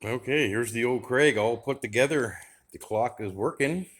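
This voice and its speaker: A radio hobbyist with a mid-range voice and moderate pace tinkers on camera, chatting loosely and thinking out loud in a relaxed, casual how-to vlog.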